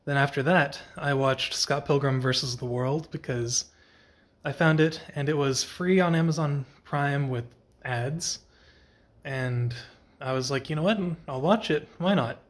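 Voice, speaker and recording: In an unhurried, mid-range voice, a young male vlogger chats casually after work, sounding tired and slightly scratchy. He's soft-spoken, rambling and correcting himself as he goes.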